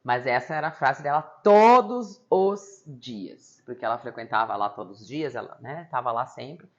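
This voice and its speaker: A woman's voice: extremely low pitch, fast talker, fairly bright tone, lo-fi sound. A woman psychologist with a Brazilian Portuguese accent, a guest in a casual interview, who talks expressively and acts out the people in her stories.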